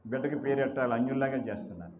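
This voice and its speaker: A man delivering a sermon, pressing his points with rhetorical questions and slow repeated phrases. His voice rings in a roomy, echoing space with a faint hum of noise behind him, at a middle pitch. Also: darkish tone. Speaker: pastor.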